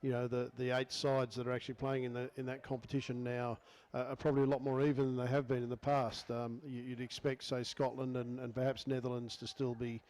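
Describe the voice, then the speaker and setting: An Australian man speaking as a guest cricket commentator, understated and quiet, with plenty of fillers. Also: medium pitch, flat delivery, brisk, hardly any pauses, poor audio. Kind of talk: casual expert commentary. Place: commentary position at a cricket ground.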